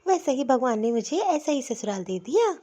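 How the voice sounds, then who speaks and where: A woman's voice: high voice, very animated, moderate pace, very noisy. A woman voicing a cheerful young newlywed bride who speaks earnestly about her new in-laws. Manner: earnest, emphatic.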